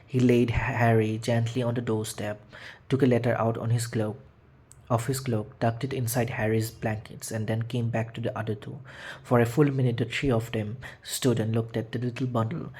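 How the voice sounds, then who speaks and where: A man's voice: mid-range voice, flat delivery, normal speed, a little mellow, husky. A man narrating a children's fantasy audiobook, reading with frequent slips and restarts. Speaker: audiobook reader. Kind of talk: storybook narration.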